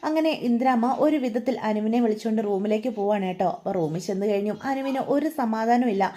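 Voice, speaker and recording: Sex: woman. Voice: mellow, fairly high storyteller. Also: fast talker. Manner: chatty, addressing listeners with tag words. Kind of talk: retelling a TV serial episode.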